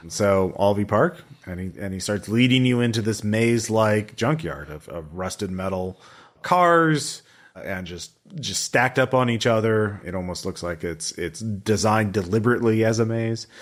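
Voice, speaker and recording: Male game master, lowish voice, improvising scene descriptions conversationally with halting repeats. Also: animated. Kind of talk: improvised narration of a tabletop role-playing game.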